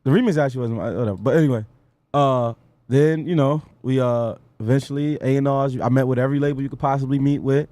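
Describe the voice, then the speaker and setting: A man in his twenties with a New York accent talks loosely as a guest, his drawl often sinking into low mumbles. His voice sits at a middle pitch. The sound is close and dry, with no room around it. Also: quick pace, warm tone, dry recording. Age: 20s. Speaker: rapper guest. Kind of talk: casual interview chat.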